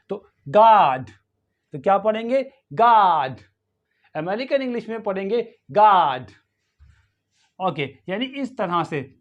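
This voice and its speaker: Slow, high-voiced man drilling pronunciation. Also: lo-fi sound. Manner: drills words slowly, repeating them many times. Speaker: English pronunciation teacher. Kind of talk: Hindi-English pronunciation lesson.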